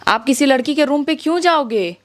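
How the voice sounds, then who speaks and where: A young Bihari-accented woman, a music-video actress, airs grievances as an interview guest, speaking emphatically and insistently and frequently posing rhetorical questions. Her voice is high and expressive, and she talks a little fast.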